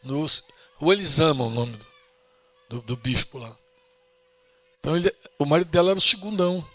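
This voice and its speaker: A man's voice: fairly high pitch, animated, moderate pace, fairly bright tone. A middle-aged man with a Brazilian Portuguese accent preaching a sermon in an earnest, storytelling way, often asking the congregation to say amen.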